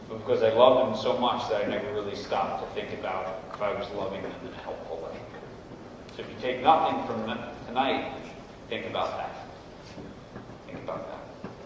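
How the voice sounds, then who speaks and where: A middle-aged man speaks to parents in a school auditorium, lower in pitch and easy in delivery, dropping in "right?" to keep the room with him. He sounds far from the microphone, with a long hall reverb and steady room noise. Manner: storytelling, often checks in with "right?". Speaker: guest speaker at a parents' session. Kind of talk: conversational talk to parents. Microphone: distant room mic. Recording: echoey hall from far off, noisy.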